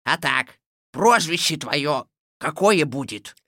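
Lady putting on a gruff lisping robber guy, deep and rough, swings all over. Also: expressive, takes it slowly, fairly bright tone, no room sound, clean studio sound, heavily acted. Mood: menacing. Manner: gruff, menacing then sulky. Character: gruff lisping male forest robber, boastful. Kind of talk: audiobook fairy tale.

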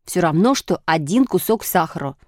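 An excitable, bossy schoolboy, as a woman puts him on in a storybook reading, his raised boyish voice jumping about lively. The sound is dry and close. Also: fairly low pitch, normal speed, dry recording, natural voice. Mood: eager.

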